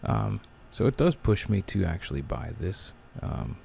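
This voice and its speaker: A man's voice: sits low, sing-song, measured pace, gravelly, darkish tone, a little hiss or hum. A man hosting a casual podcast chat, talking in a rambling, laid-back way close to the mic, with his breathing audible. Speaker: podcast host.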